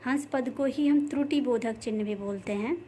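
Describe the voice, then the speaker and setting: Higher-voiced woman teaching grammar. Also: moderate pace, mellow, a little hiss or hum. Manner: repeats terms, many fillers. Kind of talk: explaining lesson over slides.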